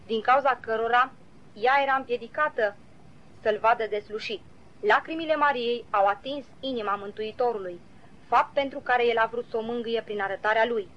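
A woman reading a devotional Bible commentary aloud in a measured, earnest way, citing verses as she goes. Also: fairly high pitch, a bit bright. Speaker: Bible teacher. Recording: slightly dull lo-fi recording.

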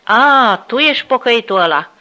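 A woman voicing a brutal, cursing male security officer who snarls and shouts insults. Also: on the high side, lively intonation, voice pushed up. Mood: snarling.

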